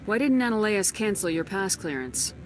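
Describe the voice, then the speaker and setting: A woman's voice: mid-range voice, very animated, normal speed, faint music behind, lightly acted, low-quality recording. A woman playing a direct, self-assured military commander in a video game, asking questions in a businesslike way. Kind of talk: video game dialogue acting.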